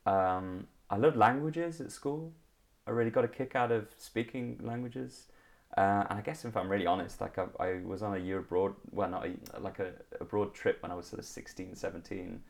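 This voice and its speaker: Low gravelly man from Liverpool. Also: moderate pace. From England. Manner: relaxed, many ums and restarts. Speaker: guest, comedian. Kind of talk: casual interview.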